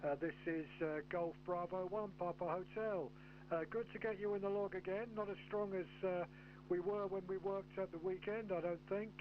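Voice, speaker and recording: Through dull, humming, noisy audio comes a man with a high-pitched voice operating an amateur radio station. He talks in radio contact style with spelled-out callsigns, in a methodical and somewhat hesitant manner. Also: steady tone, normal speed.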